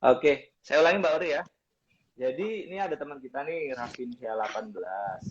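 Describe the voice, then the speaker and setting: A man's voice: medium pitch, expressive, fairly quick, slight background noise. A man hosts a casual online question session, chatting as he reads out questions. His voice arrives through a dull, lo-fi call connection. The audio keeps breaking up and glitching. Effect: choppy, breaking-up call audio. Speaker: host of a live online Q&A session. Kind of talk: casual live-stream moderation. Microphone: online video call.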